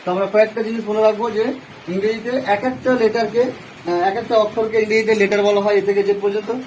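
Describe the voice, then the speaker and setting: Bengali guy teaching english grammar, high voice, keeps asking then answering himself, bit of faint hiss. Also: flat delivery, brisk, a little mellow, low-quality recording. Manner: explains step by step, asks and answers his own questions. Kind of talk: classroom grammar lesson.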